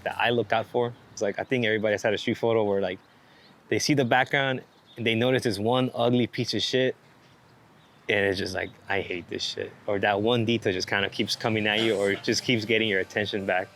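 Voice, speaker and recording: A man with a lowish, steady voice talks fairly quickly, his tone slightly bright. He is a street and landscape photographer being interviewed in a casual, unscripted chat, rambling enthusiastically in slangy speech full of swearing. The recording is clear, with background noise and outdoor ambience.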